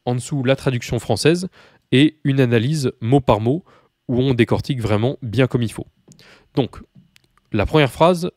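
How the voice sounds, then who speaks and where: A man giving a relaxed online language lesson, talking to the viewer informally and stumbling over fillers as he goes. His voice sits at an ordinary middle pitch. The recording is close and dry, with almost no room sound. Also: dry recording. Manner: chatty, many fillers and restarts, addresses viewer informally; reads slowly and clearly for repetition. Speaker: Russian language teacher. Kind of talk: casual spoken lesson.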